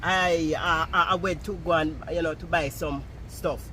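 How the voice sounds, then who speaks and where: A woman with a Jamaican accent cooking outdoors, telling stories in a lively, laughing way. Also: low-pitched, normal speed. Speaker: cook. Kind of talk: casual storytelling while cooking. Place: outdoors beside an open cooking fire.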